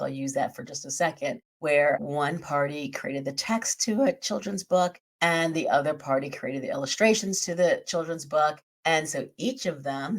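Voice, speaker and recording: A woman with a slightly hoarse, scratchy voice, hosting a podcast and methodically explaining a topic through lists and examples. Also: sits low. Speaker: podcast host.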